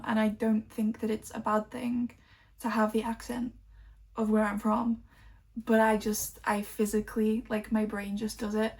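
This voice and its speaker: Woman from liverpool rambling about her books, kinda high voice with lots of vocal fry, um and like everywhere. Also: a little mellow. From Liverpool, England. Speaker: book vlogger. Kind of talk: casual chat about books.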